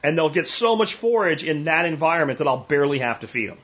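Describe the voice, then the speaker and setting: Man host, casual and opinionated, slightly high voice, dull lo-fi stream audio. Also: sing-song, fast talker, a bit bright. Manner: folksy, opinionated, with frequent restarts and tag questions. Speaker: homesteading podcast host. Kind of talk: casual live-stream talk answering viewer questions.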